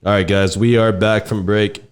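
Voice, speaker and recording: Low-voiced American man hosting a podcast. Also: little pitch movement, moderate pace, smooth, soft background music. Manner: profane, bantering. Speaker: podcast host. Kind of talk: casual podcast chat.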